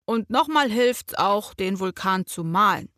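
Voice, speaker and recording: A woman voicing a calm, gentle fox father who speaks softly in a children's story. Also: mid-range voice, measured pace, no room sound, clean studio sound. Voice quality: soft and quiet.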